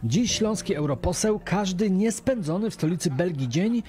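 A man's voice: high voice, lively intonation, normal speed, warm tone. A man narrating a scripted television news report as the reporter. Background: music.

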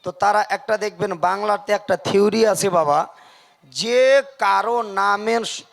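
At a religious gathering, a man delivers a Bengali waz sermon over a PA microphone, singing drawn-out devotional verses and then preaching in quick bursts. His voice sits high, with vocal fry and a fairly bright tone, and he calls on the crowd to answer aloud.

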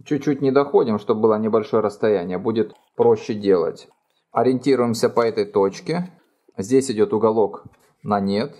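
Calm low-voiced man teaching origami. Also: moderate pace. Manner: calm, plain, explaining each fold. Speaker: origami instructor. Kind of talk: step-by-step craft tutorial. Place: indoors at a wooden table. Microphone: overhead camera framing hands only.

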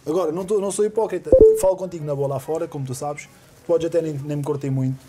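A man's voice: fairly high pitch, quick pace, heavy background noise. A man, a reality show contestant in a heated casual chat, who insists and repeats himself.

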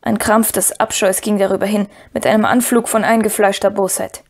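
A woman's voice: mid-range voice, flat delivery, fairly quick. Woman reading a fantasy audiobook. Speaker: audiobook reader. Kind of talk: scripted narration.

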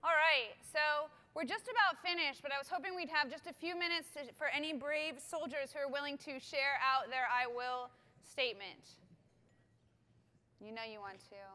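A woman's voice: high voice, normal speed, sharp tone. A middle-aged woman facilitating a conference workshop, giving upbeat step-by-step directions to the audience on a hall stage. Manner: upbeat, directive, checks in with "okay?".

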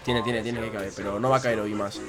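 A young man giving excited gameplay commentary at a desk microphone, yelling and laughing at the game. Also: fairly low pitch, a little fast, soft background music. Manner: yells and laughs at the game, rambling. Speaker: gaming YouTuber.

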